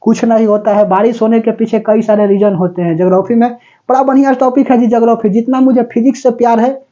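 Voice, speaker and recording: Male teacher for an exam-prep biology lesson. Chatty, keeps checking in with students, mellow tone, lo-fi recording. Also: very high voice, little pitch movement, quick pace. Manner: mixes English terms into Hindi; breaks into snatches of song. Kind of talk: classroom lecture.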